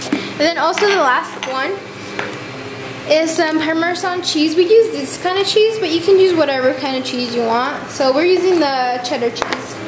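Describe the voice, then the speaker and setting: High-voiced chatty teen girl in a kitchen. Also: background noise. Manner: chatty, upbeat, uses "like" and "um" often. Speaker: vlogger. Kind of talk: casual cooking vlog narration. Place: home kitchen, indoors.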